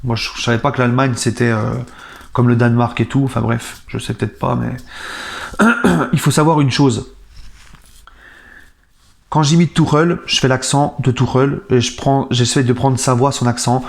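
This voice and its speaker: Thirties male vlogger, grieving and low-key, rants indignantly at times, mid pitch. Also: steady tone, moderate pace, vocal fry, long pauses. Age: 30s. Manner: subdued and sad, then indignant ranting. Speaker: football fan channel host. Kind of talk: casual vlog monologue.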